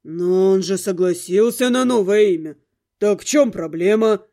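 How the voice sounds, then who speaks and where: A woman's voice: medium pitch, a little slow, warm tone, pitched below the performer's own voice, close to an everyday voice. A woman voicing a grumpy, sarcastic male ghost who lives in a mirror and answers in curt, grudging replies. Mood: grumbling.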